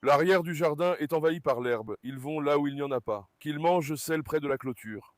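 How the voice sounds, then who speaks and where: Guy doing a farm vlog, kinda high voice, talks sweet to his animals, dry close sound. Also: a little fast, no room sound. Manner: chatty, coaxing and fond when talking to animals. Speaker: farm vlogger. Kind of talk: casual vlog narration.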